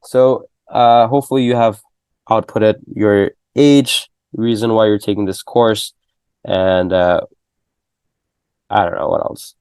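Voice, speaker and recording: A man's voice: on the low side, steady tone, slow, darkish tone, clean tone, dry recording. A man in his twenties giving a casual, loose coding lesson, checking in often with "okay?" and "right?". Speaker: programming tutor.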